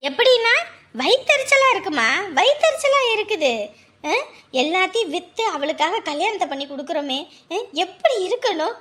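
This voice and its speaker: A woman's voice: very high voice, big pitch swings, normal speed, a bit bright, full character voice. A woman playing an anguished village mother in a family drama, scolding and pleading emotionally. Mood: bitter complaint. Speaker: mother of the groom. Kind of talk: Tamil family drama acting.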